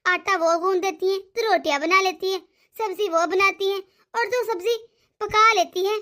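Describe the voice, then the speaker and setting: Brief: woman doing a fussing cartoon mother-in-law, older, soft and coaxing, very high pitch. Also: steady tone, normal speed. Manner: soft-spoken, worried, coaxing. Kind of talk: animated cartoon voice acting.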